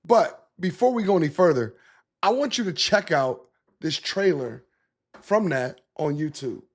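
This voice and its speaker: A man's voice: a little high, animated, unhurried. A man hosting a political commentary show, talking in an emphatic, conversational way and reacting to the clips he plays. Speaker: podcast host.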